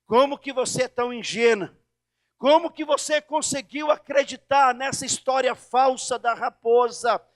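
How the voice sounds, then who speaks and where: A pastor playing a bouncy male monkey in a pulpit fable, nosy and quick to scold. His voice rings very high with a dry, close sound. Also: steady tone, dry recording. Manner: inquisitive, scolding.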